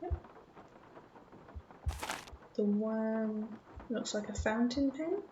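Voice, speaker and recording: Extremely slow and mellow, with lively intonation, a slightly high female voice rambles nervously to viewers during gameplay. She's a self-conscious streamer from the UK who spent part of her upbringing in Australia. Echo, dull audio, and a little hiss or hum mark the recording.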